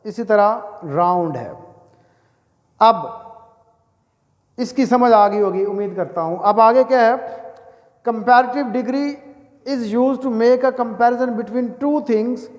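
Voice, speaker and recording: A man teaching English grammar, dictating example sentences slowly and deliberately, then asking questions and answering them himself. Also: very high-pitched. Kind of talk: grammar lesson. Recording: echoey room with long reverb.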